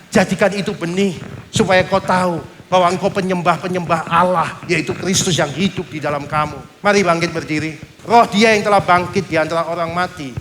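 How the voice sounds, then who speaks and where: A man's voice: sits high, background noise. A male pastor preaching a sermon emphatically, often calling out amen to the congregation.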